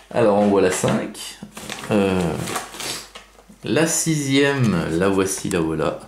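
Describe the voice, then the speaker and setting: Man, low gravelly voice, slow chatty unboxing talk, echoey room. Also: lively intonation, background noise. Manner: slow, chatty, with many fillers and self-corrections. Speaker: YouTube collector unboxing toy cars. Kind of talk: casual unboxing commentary.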